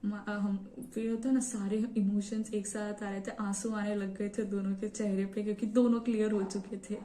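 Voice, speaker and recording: A woman's voice: medium pitch, level tone, mellow, a little hiss or hum. Eager young woman, roomy and distant. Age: young adult. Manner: eager, quick retelling with many fillers. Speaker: vlogger sharing her exam story. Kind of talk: casual personal storytelling. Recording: roomy echo, set back from the mic.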